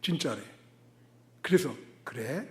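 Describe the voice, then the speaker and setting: A middle-aged man preaching a sermon as pastor, telling a personal story with sudden loud bursts and asides to the congregation. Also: mid-range voice, expressive, slow pace.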